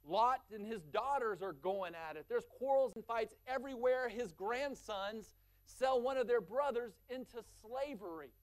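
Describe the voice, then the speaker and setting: A male pastor delivers a sermon, somewhat slowly, piling up long lists to build intensity and then dropping his voice low and quiet for the key points.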